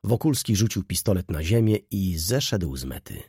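Man narrating an audiobook, deep voice, very husky, lively pitch, dry close sound. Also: moderate pace, no room sound. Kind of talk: scripted narration of a classic novel.

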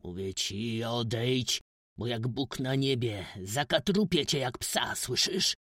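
A man voicing an old village farmer, shouting harsh threats at his son in a dry, close recording. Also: mid-range voice, slow, dry recording. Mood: furious. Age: older. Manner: loud, harsh commands.

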